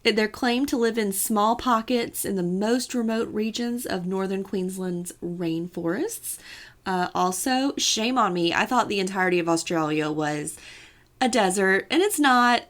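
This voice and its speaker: A woman's voice: mid-range voice, unhurried. A woman co-hosting a casual podcast, telling a story with playful asides and a chatty manner. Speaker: podcast co-host.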